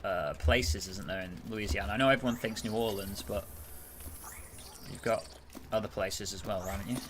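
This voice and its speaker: British guy chatting through a strategy game stream, lowish voice, faint hum behind. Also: steady tone, moderate pace. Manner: chatty, reads and answers chat while playing. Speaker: gaming streamer. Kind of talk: casual live-stream commentary.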